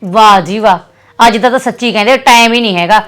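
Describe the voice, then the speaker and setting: A young woman with a Punjabi accent acting a sharp, scolding sister in a drama. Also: fairly high pitch. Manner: scolding and fast-talking. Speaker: actress playing a sister.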